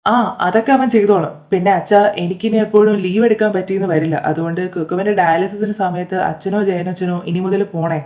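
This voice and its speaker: A woman voicing a young adult son who explains things to his father in a brisk, matter-of-fact way. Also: medium pitch, fairly even intonation, mellow, close to an everyday voice. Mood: practical.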